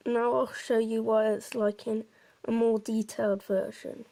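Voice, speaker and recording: Presenting a game walkthrough, a woman speaks at a measured pace in a warm, slightly high voice with vocal fry and a level tone. She explains things casually, wandering a bit and hesitating slightly.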